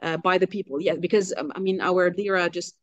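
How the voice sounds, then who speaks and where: A woman from Lebanon speaking as a guest journalist in an interview, passionate and halting, with many fillers and restarts. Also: on the low side, steady tone, no room sound, muffled recording. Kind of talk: interview on a call.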